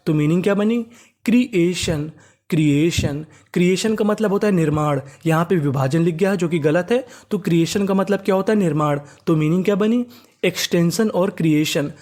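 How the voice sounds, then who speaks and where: A man teaching a reading class. He spells words out letter by letter, repeats them slowly, and keeps asking the class rhetorical questions. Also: high voice, darkish tone. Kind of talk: classroom-style reading lesson.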